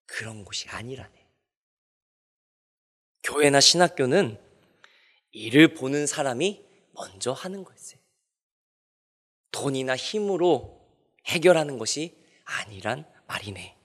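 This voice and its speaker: Brief: a pastor doing a fatherly old dean, calm and soft-spoken, with a lively lilt. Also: medium pitch, in a large hall, close to an everyday voice. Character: gentle, generous older male seminary dean.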